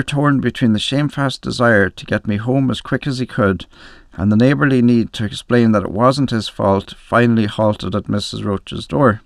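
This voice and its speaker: A man's voice: on the low side, dry recording. Man reading a story in a dry voice. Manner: measured, expressive first-person storytelling. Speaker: reader. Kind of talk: scripted narration of a short story.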